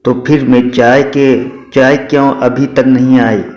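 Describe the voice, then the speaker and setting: A man voicing a nagging, grumbling older mother-in-law in a story, with sharp scolding remarks, in his own slow, even voice. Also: medium pitch, echoey room, rough recording.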